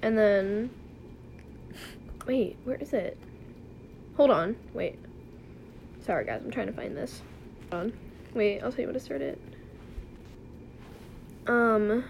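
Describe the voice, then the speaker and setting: A young woman with a slightly high voice chats casually, reading out text messages in an animated, giggly way. Faint room noise sits under her voice. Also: slow pace, creaky, pauses often. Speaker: podcast co-host. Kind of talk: casual chat.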